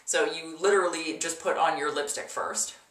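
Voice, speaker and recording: Woman chatting thru a tutorial, lowish voice, bathroom echo, bit far from the mic. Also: moderate pace, fairly bright tone. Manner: emphatic, repeats words for emphasis. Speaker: video host, makeup tutorial presenter. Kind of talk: casual tutorial chat to camera. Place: small indoor bathroom. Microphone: camera mic a little way off. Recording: echoey bathroom, mic at a distance.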